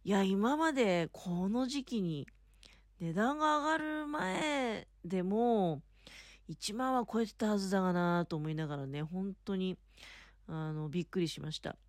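A woman's voice: mid-range voice, lively intonation, a little slow, no echo, clean studio sound. A woman chatting casually on her own as a podcast host, talking in a chatty, polite, explanatory way from under the covers in bed. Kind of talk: casual solo chat. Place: in bed under a futon at home.

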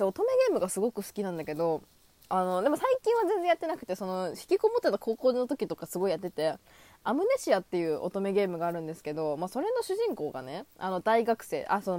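Casting: woman in her 20s, solo podcast chat, animated and giggly, swooping pitch, dry close mic. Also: quick pace, no echo. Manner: animated, high-energy, acts out imagined dialogue; self-deprecating, giggly. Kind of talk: casual solo monologue.

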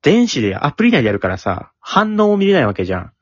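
Male co-host, lively husky chat, dull dry home mic. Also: a little high, fast, no echo. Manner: stammering, repeating worried questions. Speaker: podcast co-host. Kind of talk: casual chat between friends.

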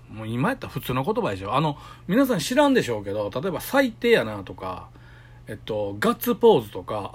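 A man's voice: medium pitch, husky. A middle-aged man with a Kansai accent, chatting alone into his podcast and acting out the voices in his stories. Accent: Kansai Japanese. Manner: chatty storytelling, acts out quoted voices. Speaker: solo podcaster. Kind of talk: casual solo talk.

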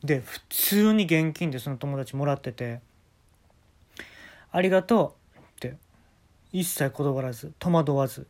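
Deadpan Kansai man telling absurd stories. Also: moderate pace. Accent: Kansai Japanese. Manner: deadpan telling of absurd tales with sudden pitch jumps. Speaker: talk show host. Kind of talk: casual storytelling monologue.

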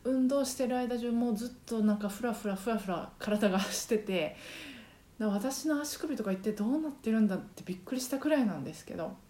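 A woman's voice: fairly high pitch, expressive, fast talker, mellow, echoey room. A woman who works as a singing trainer, hosting her own podcast in a casual, chatty way with many fillers. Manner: chatty, many fillers, sings short phrases to demonstrate. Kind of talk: casual solo podcast talk. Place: apartment home.

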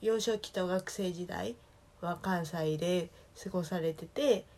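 A woman's voice: on the low side, measured pace, darkish tone. Chatty Osaka woman with a Kansai accent. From Osaka, Japan. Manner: chatty, rambling, self-correcting. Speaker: solo podcast talker. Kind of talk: casual solo chat.

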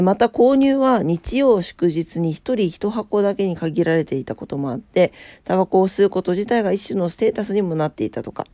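A woman with a lowish, mellow voice that's nasal, congested and drowsy hosts a daily morning show on weather and today in history. She chats casually while reading through weather and trivia notes, sleepy and unpolished.

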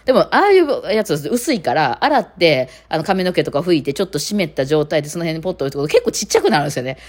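Kansai-accented woman host, rapid chatty delivery with fillers, lively pitch swings. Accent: Kansai, Kitakawachi dialect. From Kitakawachi area of Osaka, Japan. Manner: rapid rambling talk full of fillers. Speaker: podcast host. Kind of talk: casual solo chat.

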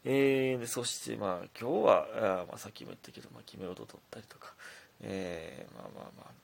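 A young man with a Kansai accent, a comedian chatting casually on his own podcast and reading listener letters aloud, talkative and self-deprecating, swinging between loud bursts and mumbled asides. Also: fairly low pitch, animated, brisk, creaky. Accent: Kansai Japanese.

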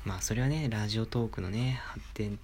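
A young man hosting his own talk show, speaking quietly at home into a phone mic in a relaxed, chatty way. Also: fairly quick, slight background noise. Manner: hushed, low-volume talk with soft laughs and filler. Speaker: podcast host. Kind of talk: casual solo talk. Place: inside his home, alone. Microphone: phone microphone.

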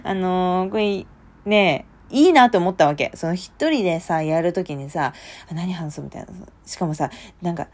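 A young woman hosting a casual solo podcast late at night, chatty and lively, often bursting into a louder voice. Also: on the low side, normal speed. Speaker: podcast host. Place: home at night.

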